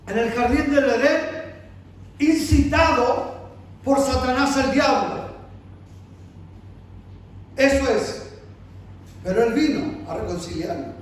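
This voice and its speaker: Slow, high-voiced preacher in echoey hall. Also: male voice. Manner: emphatic, pleading, acts out God calling softly. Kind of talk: sermon. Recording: echoey church room from far off, faint noise.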